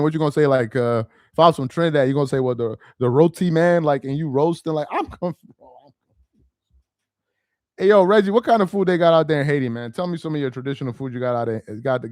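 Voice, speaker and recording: A young man of Nigerian heritage hosts a casual livestream, speaking in a slightly high voice with clean studio sound and no room ambience. He reads viewer comments aloud and speaks directly to his chat, animated, laughing and exasperated by turns.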